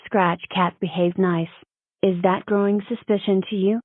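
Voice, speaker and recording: A woman's voice: medium pitch, steady tone, normal speed, dry recording, narrow, tinny audio, natural voice. A synthetic-sounding woman voicing a stern, matter-of-fact cartoon schoolteacher with formal delivery. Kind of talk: scripted cartoon dialogue.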